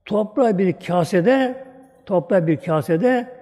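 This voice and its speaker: A man's voice: high voice, expressive, slow, warm tone. A male preacher delivering a sermon, telling a story dramatically and repeating phrases for emphasis. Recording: long hall reverb.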